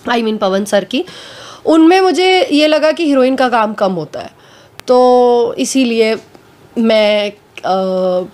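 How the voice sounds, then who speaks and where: A woman actress giving a casual interview at home, talking frankly and a little hoarse from a cold, slipping English phrases into her speech. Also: on the high side, slow pace, a little mellow.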